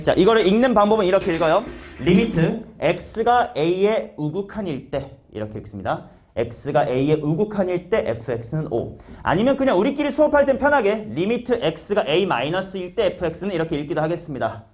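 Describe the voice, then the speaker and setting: A man teaching math delivers a lecture to his class, his high voice rising and falling sharply as he explains things. His speech is casual and full of slang, and he repeatedly calls on students by name with questions.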